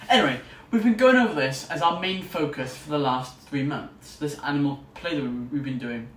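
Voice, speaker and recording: Talking to camera for a casual vlog, a young male student rambles enthusiastically at a fairly quick clip. His voice is fairly high and fairly bright, picked up by a distant mic in an echoey room with faint noise.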